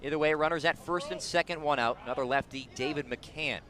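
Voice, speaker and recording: Bright and forceful, a slightly high male voice moves fairly quickly through live radio baseball commentary. The man calls the game from an outdoor ballpark in clipped bursts that climb as plays unfold.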